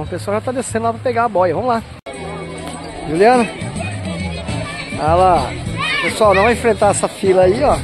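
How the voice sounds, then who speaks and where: A man from Brazil filming a casual walking tour vlog outdoors at a farm zoo, exclaiming and pointing things out to his viewers. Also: high-pitched. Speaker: vlogger. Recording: outdoor crowd and vehicle noise.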